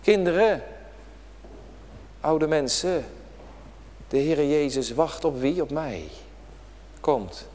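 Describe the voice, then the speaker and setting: A man's voice: fairly high pitch, expressive, slow pace, long pauses, darkish tone, big-room sound. A man preaching an emphatic, repetitive prayer-day sermon to children in a church. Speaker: pastor.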